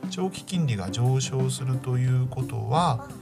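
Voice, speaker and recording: A man's voice: medium pitch, lively intonation, a little slow, gravelly. A man giving conversational market commentary as a financial expert, explaining things in everyday terms. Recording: music behind the voice. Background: music.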